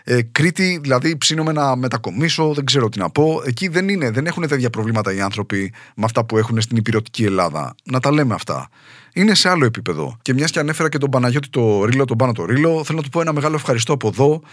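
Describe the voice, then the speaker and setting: A man's voice: mid-range voice, animated, no room sound, clean studio sound. A man from Trikala, Greece, a stand-up comedian talking casually and at length to his podcast listeners, rambling and chatty.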